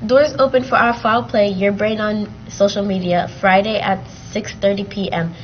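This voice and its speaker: A teenage girl reads the morning announcements for her school's TV show. She takes her time over dates and codes, keeping an even, practiced pace. The sound is a bit muffled, with a faint rumble behind her. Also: normal speed. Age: teens. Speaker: student news anchor. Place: school TV studio, green screen.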